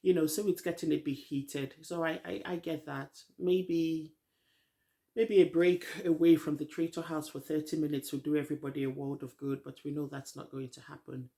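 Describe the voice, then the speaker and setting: A woman's voice: low-pitched, flat delivery, moderate pace, dark tone. A middle-aged woman vlogging a casual, rambling TV recap, frank with her opinions and a little tired. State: tired, hasn't eaten.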